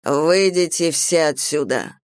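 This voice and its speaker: A woman voicing a cold, commanding male primordial god of death in an audiobook, speaking low, slow and curt. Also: expressive, clean tone, no echo, studio quality, heavily acted.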